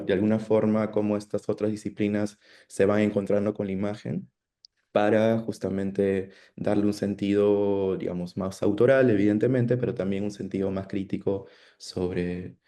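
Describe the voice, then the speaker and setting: A mellow, fairly low-pitched man from Peru's Amazon region presents his art practice as a guest artist on a panel video call. He speaks thoughtfully and hesitantly, with many pauses and tag questions.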